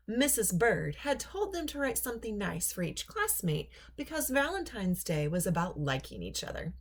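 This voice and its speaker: A medium-pitched woman reads a children's story aloud as a storybook reader, expressive and deliberate in her storytelling manner.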